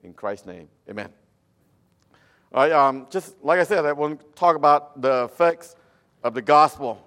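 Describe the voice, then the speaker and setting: Male missionary preacher, Cambodian accent, Khmer native, halting sermon delivery in non-native English. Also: on the high side, expressive, fairly bright tone. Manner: halting, with nonstandard English phrasing. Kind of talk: church sermon.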